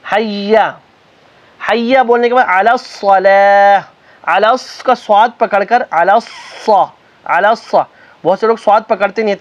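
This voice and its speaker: A man with a high voice teaches the call to prayer. He alternates quick spoken explanation with slow, drawn-out chanted demonstrations. The recording sounds dull and lo-fi. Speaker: religious teacher. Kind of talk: recitation lesson.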